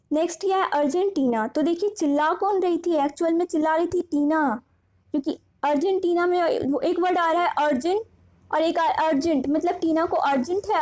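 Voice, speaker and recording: A woman's voice: high-pitched, darkish tone. A woman teaching memory tricks for an exam, chatty and repetitive, asking questions and answering them herself.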